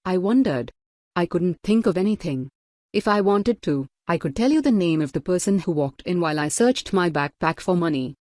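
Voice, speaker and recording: Low-voiced woman reading an audiobook. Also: darkish tone, no echo, studio quality. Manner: measured, first-person storytelling. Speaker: audiobook narrator. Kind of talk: scripted audiobook narration.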